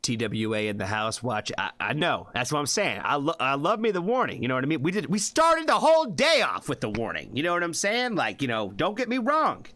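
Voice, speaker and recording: His voice is on the high side and sing-song, fairly quick with few pauses, sharp-toned, in a dry recording. He hosts a music reaction stream, rambling casually, swearing freely, stuffing in fillers, and asking "you know what I mean?" a lot.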